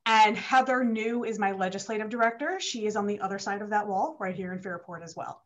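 A woman's voice: medium pitch, brisk. A young woman opening a virtual town hall as the host, chatty, with many fillers and restarts, and a little out of breath. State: slightly out of breath. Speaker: state legislator hosting a virtual town hall. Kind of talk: casual opening remarks on a video call. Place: district office. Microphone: video call. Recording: dull lo-fi video call audio.

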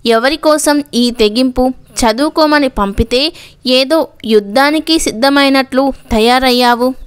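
A woman's voice: high voice, unhurried, clear, resonant tone. A woman voicing a hot-tempered middle-aged father in an audio story, angry and scolding. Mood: furious. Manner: angry, shouting.

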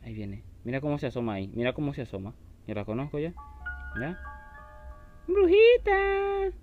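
A man's voice: medium pitch, rapid-fire, phone-quality sound, faint music behind. A man commenting on a horror game he is playing, taunting the enemy and shrieking when startled. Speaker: gaming YouTuber.

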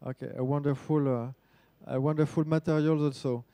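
A man's voice: fairly high pitch, fairly even intonation, a little fast, warm tone, clean tone, no room sound. A man with a French accent moderating a live talk, polite and often repeating words as he goes.

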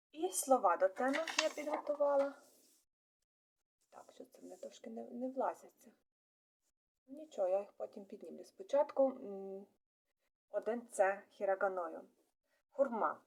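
A woman giving a casual online language lesson, explaining each word step by step and pausing often on fillers. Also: mid-range voice, lively intonation, vocal fry, husky. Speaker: language teacher.

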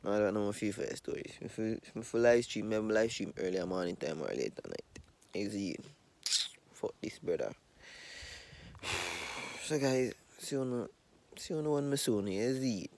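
A young Trinidadian man vlogging outdoors into a phone held at arm's length, complaining in a low, glum way. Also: expressive, normal speed. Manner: low, glum complaining, turning loud and laughing at the end. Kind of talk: casual vlog talk to camera. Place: outdoors among bushes and palms.

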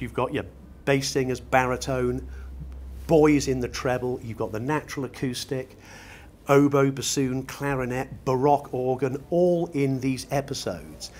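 This medium-pitched, darkish voice belongs to a middle-aged British man who designs loudspeakers, describing his work in an unscripted interview. His phrasing is articulate and ornate. He is in a big glass-roofed exhibition showroom, with the noisy room ambience audible throughout.

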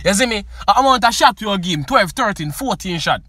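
High bright Jamaican man reviewing songs. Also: lively intonation, a little fast, no echo. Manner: emphatic, keeps asking "you see me". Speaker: music reviewer. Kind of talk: casual song commentary.

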